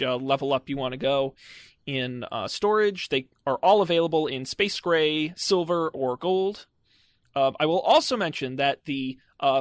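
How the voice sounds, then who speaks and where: A man's voice: fairly high pitch, a bit bright, dry recording, clean studio sound. A man hosting a casual tech podcast, chatty and wry, with lots of fillers. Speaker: podcast host.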